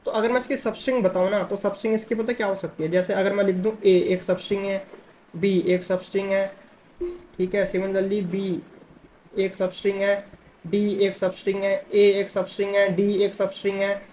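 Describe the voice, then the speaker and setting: A man's voice: sits high, a little mellow, slight background noise, rough recording. A man teaching a coding lesson, working through examples step by step and often checking in with the listener. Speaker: coding tutor.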